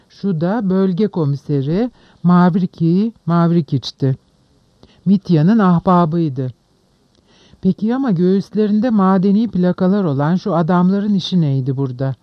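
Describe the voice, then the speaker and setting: Measured audiobook narrator, dry sound. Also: mid-range voice, no room sound, muffled recording. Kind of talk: scripted literary narration.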